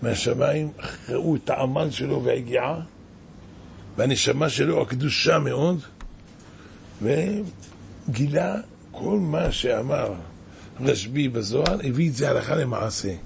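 A man's voice: mid-range voice, creaky, long pauses, slight background noise. A man preaching a sermon as a rabbi, impassioned and exclaiming, with many rhetorical questions.

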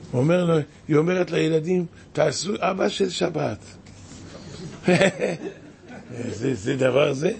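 A man's voice: a little high, creaky, slight background noise. A man preaching a sermon as a rabbi, impassioned and exclaiming, with many rhetorical questions.

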